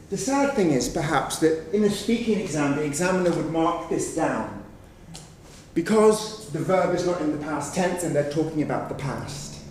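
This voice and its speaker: A man's voice: on the high side, a little mellow. A man giving a conference research presentation, explaining examples patiently and often hedging with "sort of". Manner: explanatory, frequent "sort of" hedges. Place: conference room. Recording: echoey room, mic far off, faint noise.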